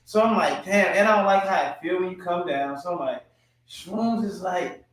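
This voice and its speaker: A man with a high voice rambles through profane, casual stories in a group chat. He sits well away from the mic, and the room has a strong echo. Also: normal speed, a bit bright. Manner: profane, rambling, laughs often. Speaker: workshop participant. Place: indoor room, echoey. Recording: roomy echo, distant from mic.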